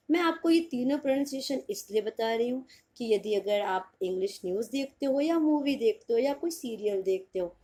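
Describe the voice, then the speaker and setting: A woman with an Indian accent teaching English pronunciation in Hindi, spelling words out letter by letter, repeating them and asking if it is clear. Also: fairly high pitch, warm tone. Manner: checks understanding with "clear?".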